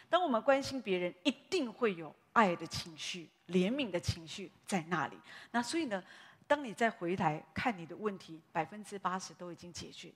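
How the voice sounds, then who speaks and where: A woman pastor, preaching a sermon in a lively, conversational way that is full of little tag words. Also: mid-range voice, breathy edge, in a large hall. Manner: animated, conversational preaching with frequent "哈" tags.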